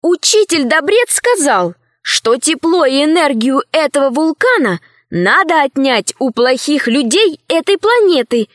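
A woman playing a bold schoolgirl heroine with a high, lively voice that moves around a lot. She is demanding and quick to press, and the dry, close recording keeps her sharp. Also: no room sound. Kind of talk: audiobook character voice.

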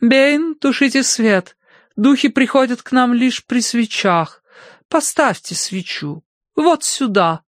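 Guy putting on a high, slow, bossy lady medium, all doom and ceremony, swoops around a lot. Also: animated, a bit bright, dry recording, studio quality, full character voice. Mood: solemn commanding. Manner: slow, commanding, grave pronouncements. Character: theatrical woman spirit medium, imperious and solemn.

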